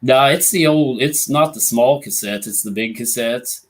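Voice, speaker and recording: A Midwestern American man hosts a casual live ghost hunting talk show, rambling with plenty of "you know" fillers. He's just getting over an illness and his voice is coming back; it's mid-range and moderately paced.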